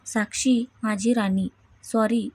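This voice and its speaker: A woman voicing a teasing, quick-tempered young husband in a read-aloud story, in a slightly high, husky voice. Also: fairly even intonation, a little mellow. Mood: affectionate.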